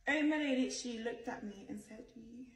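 A woman's voice: on the high side, quick pace. A young woman giving a casual storytime apology to camera, defensive, exasperated and emphatic. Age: young adult. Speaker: person telling her side of a viral story. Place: small bright indoor room. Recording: roomy echo, distant mic, faint noise.

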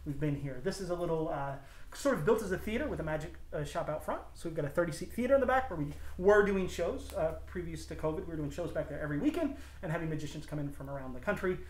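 A man in his thirties, a magic shop owner, talking casually about his shop and doing card-trick patter with playful, deadpan jokes. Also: on the high side, fast. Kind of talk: casual demonstration and interview. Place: inside a small shop, indoors. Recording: echoey shop room with faint background noise.

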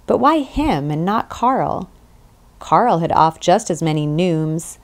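Female audiobook narrator, lowish, measured storytelling. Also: expressive. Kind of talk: scripted narration.

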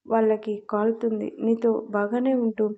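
A woman voicing a calm, protective young husband who speaks in a serious, reassuring way in an audio story. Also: high-pitched, a little slow, phone-quality sound.

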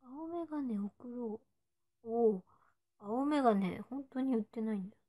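Young female idol, twenties, slightly high voice, playful livestream chatter, drops into whispers now and then. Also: normal speed, warm tone. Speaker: idol streaming to fans. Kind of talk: casual livestream chat reading viewer comments.

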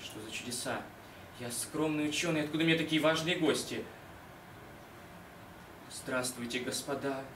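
A young man playing a dreamy, lovelorn, modest scholar in an expressive, dramatic declamation of a stage monologue, with deliberate pauses. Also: medium pitch, lightly acted. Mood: musing, bemused. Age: young adult. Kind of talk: dramatic declamation, theatrical literary monologue recitation. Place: small indoor concert hall stage. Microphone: far camera. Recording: roomy, distant mic, noisy hall.

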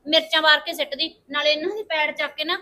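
A woman's voice: sits high, steady tone, fast talker, bright, forceful tone. An actress playing a demanding young married woman who complains and makes demands of her brothers' wives in a family drama. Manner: whiny, demanding. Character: demanding spoiled married daughter visiting her parents, whiny and greedy. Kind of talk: village family drama acting.

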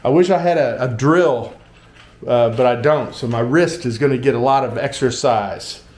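A vlog host in his fifties with an American accent, his voice medium-pitched and darkish at normal speed, demonstrates DIY in a small tiled living room. He chats casually and thinks aloud in a folksy, joking manner. A handheld action camera catches him at varying distances, with an echoey room and clear background noise.

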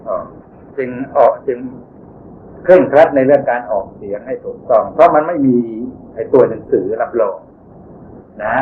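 A man of ordinary pitch teaches a Buddhist dharma lesson at an easy pace, softening his sentences with polite tags. The sound is narrow and tinny, like a phone line, with faint hiss underneath. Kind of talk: explanatory dharma lecture.

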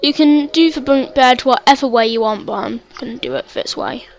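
Woman narrating her let's play, high voice, stumbles and repeats herself, dull lo-fi mic w/ faint hiss. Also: expressive, moderate pace. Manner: stammering, repeats words, chats to the game. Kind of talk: casual gameplay narration.

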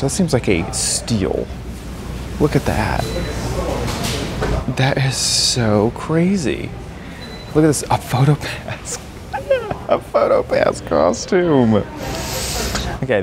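A man vlogging casually as he walks through a large indoor antique mall, excitable and exclaiming often, recorded on a handheld camera. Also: mid-range voice, noisy background. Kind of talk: casual walk-around vlog. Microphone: handheld camera held while walking.

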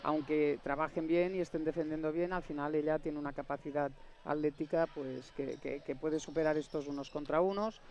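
A woman giving live basketball analysis as color commentator, thoughtful and halting, with many fillers. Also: low voice, fairly even intonation, darkish tone, highs cut off.

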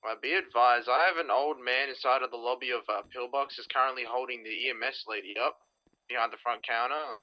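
Male player as matter-of-fact police officer on radio, game role-play; mid pitch, rapid, dull channel. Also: steady tone.

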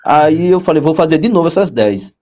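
Lively man acting out his own story. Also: brisk, lo-fi sound. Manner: animated storyteller, acts out quoted dialogue with big pitch jumps. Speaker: guest, court clerk. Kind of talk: casual storytelling interview.

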